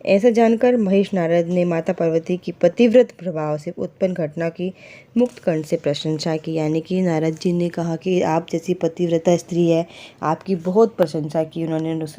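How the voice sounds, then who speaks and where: With a warm, fairly low voice, a woman casually retells a devotional story. She poses questions and answers them herself, using fillers and correcting herself along the way.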